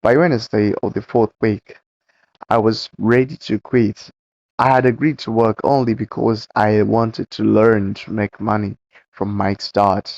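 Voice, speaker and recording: A man reading a book aloud slowly and haltingly, with a cracking voice and frequent stumbles and self-corrections. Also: fairly low pitch, steady tone, creaky, darkish tone, no room sound. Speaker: book reader. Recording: dull, muffled home recording.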